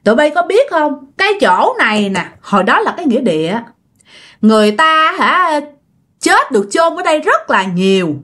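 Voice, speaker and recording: A woman's voice: high-pitched, sing-song, moderate pace, a bit bright, pitched above the performer's own voice. A woman voicing the vengeful ghost of a murdered young woman, speaking in a coarse, scolding and threatening way. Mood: scolding, aggrieved.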